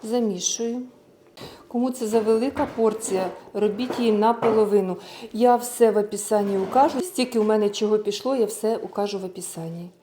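A woman's voice: medium pitch, brisk, noisy background. A woman giving a casual cooking tutorial, chatting through each step as she works and mixing Russian words into her speech. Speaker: home cook showing a recipe.

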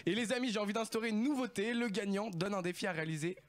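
A man's voice: high-pitched, rapid-fire, no echo. A man in his thirties hosting a radio show in a studio, telling jokey stories in casual banter. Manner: joking, animated storyteller. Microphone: studio mic with headphones.

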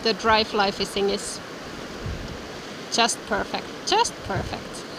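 Slow, relaxed woman vlogging outdoors. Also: medium pitch. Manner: relaxed, enthusiastic, repeats words. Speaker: fly fishing vlogger. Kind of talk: casual outdoor vlog talk. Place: outdoors by a mountain river. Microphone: handheld camera close to her face. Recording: outdoor wind noise, background music.

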